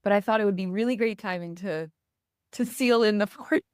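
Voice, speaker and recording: A woman's voice: medium pitch, brisk, smooth, no echo. Dry-voiced podcast host woman in her forties. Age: 40s. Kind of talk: casual interview.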